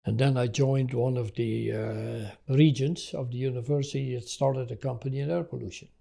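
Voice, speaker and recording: A man's voice: medium pitch, steady tone, normal speed, creaky, dark tone. An older man who grew up in Indonesia and the Netherlands, an engineering executive recounting his career in an interview with many uhs. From Indonesia, then the Netherlands. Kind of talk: interview storytelling.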